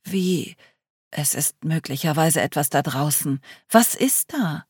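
A woman's voice: low voice, animated, slow pace, slightly rough, no room sound, studio quality, exaggerated voice. A woman reading the part of a nervous young woman who turns bossy, sounding agitated and demanding. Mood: anxious. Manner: agitated, commanding.

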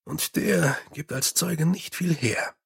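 A hard-pressed watch commander speaks bluntly and loses patience fast, as a male audiobook reader voices him. His husky voice sits a little higher than the narration. It has a worn, brusque edge. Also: exaggerated voice. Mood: brooding. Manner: brusque, exasperated. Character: gruff, short-tempered male watch commander.

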